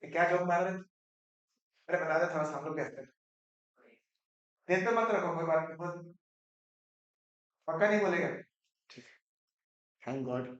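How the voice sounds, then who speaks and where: A man's voice: a little high, a bit bright, highs cut off. Playful male teacher in an echoey classroom. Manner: asks the class quick questions, mixes Hindi and English; playful, teasing students. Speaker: economics teacher. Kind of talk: classroom lecture.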